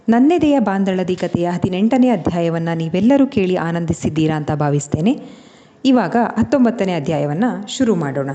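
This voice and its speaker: A woman host narrating a serialized family story in a steady, expressive way. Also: mid-range voice. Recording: long reverb.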